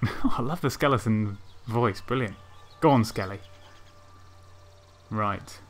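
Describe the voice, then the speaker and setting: A man's voice: fairly low pitch, slow pace, slight background noise. A man giving casual let's play commentary, thinking aloud hesitantly as he plans his moves. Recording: game music behind voice.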